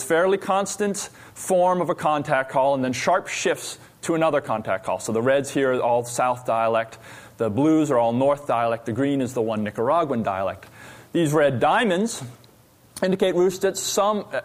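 Male researcher lecturing from the stage, mid pitch, explanatory, halting with fillers. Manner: explanatory, pausing with frequent "uh" fillers. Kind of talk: academic lecture.

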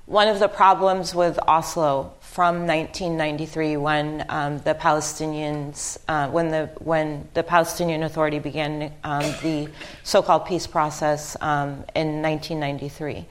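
A woman from Lebanon speaking on a panel as a history professor, thoughtful and halting, with frequent ums and restarts. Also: low-pitched, level tone. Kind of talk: panel discussion talk.

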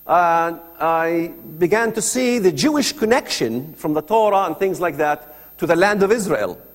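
A man from the Palestinian territories whose first language is Arabic gives a personal testimony talk, telling his story to an audience in an earnest way packed with rhetorical questions. His voice is a little high with lively intonation and a slightly slow pace, and the sound is that of a big room.

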